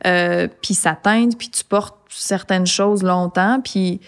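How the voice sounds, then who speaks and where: A young adult woman with a Québécois French accent, a singer-songwriter talking in a casual interview, reflective and halting with frequent restarts. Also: lowish voice, steady tone. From Quebec.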